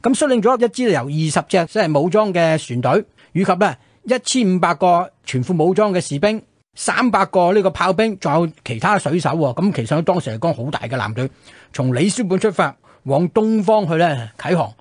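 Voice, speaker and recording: Speaking quickly and with plenty of animation, this radio host has a high-set male voice and a Hong Kong Cantonese accent. In the studio, he tells history in a chatty style packed with colloquial sentence-final particles, and there's no room sound at all.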